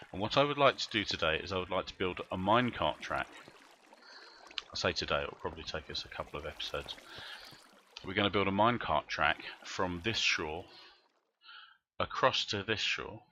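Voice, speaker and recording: Man, very low voice with a bright, forward edge; streamer talking through his gameplay, meandering and thinking out loud. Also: slight background noise. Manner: rambling, thinking aloud while playing. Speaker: game streamer. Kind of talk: live gameplay commentary.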